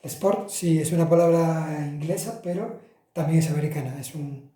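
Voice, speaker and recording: Here a man explains Italian articles to Spanish-speaking students, chatting casually, dropping fillers and fixing his own slips. He has a fairly high pitch, a warm tone, and a moderate pace. The mic is distant and the room echoes.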